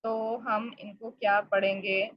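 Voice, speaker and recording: A woman's voice: mid-range voice, little pitch movement, slow, dry recording, lo-fi sound. A woman teacher giving a Quran recitation lesson, explaining patiently and asking questions she answers herself. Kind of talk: online tajweed lesson.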